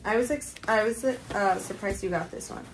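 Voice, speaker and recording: A woman's voice: medium pitch, moderate pace, noisy background. A woman co-hosting a podcast, chatting casually about her books, laid-back, swearing and laughing easily. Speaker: podcast co-host.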